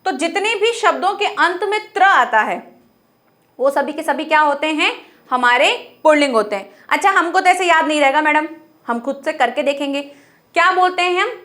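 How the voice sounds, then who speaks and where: A woman's voice: high-pitched, lively intonation, normal speed, bright, forceful tone. A woman teaching a grammar lesson, asking her students questions and answering them herself while repeating example phrases. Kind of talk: classroom-style grammar lesson.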